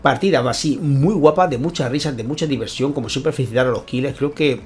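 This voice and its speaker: A man with a Spain Spanish accent, hosting his channel and commentating a tournament match, excitable and constantly checking in with his viewers. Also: mid-range voice, quick pace, slight background noise. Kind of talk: gameplay commentary.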